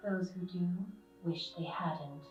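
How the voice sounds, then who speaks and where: A slow, serene lamb spirit of death, echoing. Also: female voice, lowish voice, lo-fi sound. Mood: gentle, solemn. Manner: measured, poetic, calm. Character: serene, ageless female lamb spirit of death, gentle and solemn. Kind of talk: scripted game character voice lines. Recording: echoing, distant playback over music.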